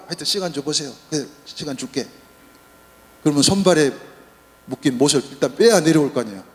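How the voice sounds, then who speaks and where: A male priest giving a Lenten sermon in a church, telling stories with humor. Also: mid-range voice. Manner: lively, humorous storytelling. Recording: long church reverb.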